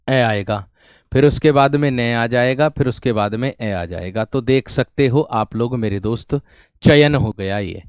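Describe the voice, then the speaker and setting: Slow-talking guy teaching grammar, smooth clear voice, keeps asking the class the same thing twice. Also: mid-range voice, dry recording, studio quality. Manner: explains step by step, repeats questions to students. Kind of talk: online exam-prep class.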